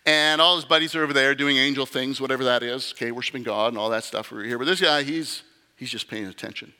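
A man's voice: mid-range voice, fast, sharp tone, smooth, big-room sound. A male pastor preaching a sermon in a church, telling it as a casual story with frequent "okay?" asides. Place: church sanctuary.

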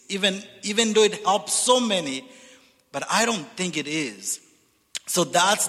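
Slow, bright-voiced Zambian-born man in a church. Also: a little high. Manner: earnest, deliberate, repeats words when building a point. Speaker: speaker at a church reconciliation event. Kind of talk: reflective speech to an audience. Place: large church sanctuary. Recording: long hall reverb.

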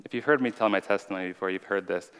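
Racing through his words, a man with a low, clean, slightly bright voice preaches an earnest, conversational sermon that includes personal testimony. He's an informal preacher with a slight stutter, and the large room around him echoes heavily.

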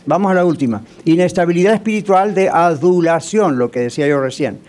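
A man's voice: a little high, fairly quick, darkish tone. A male pastor preaching a sermon in a conversational way, often asking the congregation rhetorical questions.

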